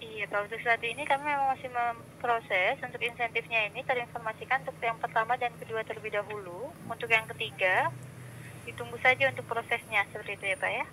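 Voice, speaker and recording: A woman's voice: fairly high pitch, fairly even intonation, a little fast, bright, forceful tone. A woman in a polite, formal customer service voice, working through scripted help on a call. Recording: phone call recording with clear background noise.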